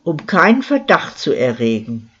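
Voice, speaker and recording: A man's voice: a little high, huge pitch swings, moderate pace, fairly bright tone, slightly rough, heavily acted. A narrator voicing a boastful, lying male village miller with a smug, self-important manner, on a dull lo-fi recording. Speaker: character in a crime story.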